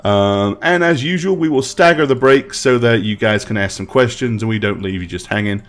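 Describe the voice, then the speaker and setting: A man narrating as game master of a tabletop game, unhurried and hesitant, often pausing with "um". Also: mid-range voice. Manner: unhurried, hesitant with frequent ums.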